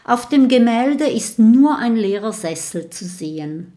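A woman narrating a children's story with a measured, dramatic read-aloud delivery. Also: fairly high pitch, lively intonation, dark tone.

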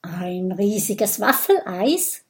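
A drowsy, food-loving boy dragon from a storybook, as a woman reader puts him on. He talks simply and slowly, close to the reader's own voice. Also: mid-range voice, big pitch swings, darkish tone. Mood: lazy. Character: sleepy, hungry boy dragon, easygoing.

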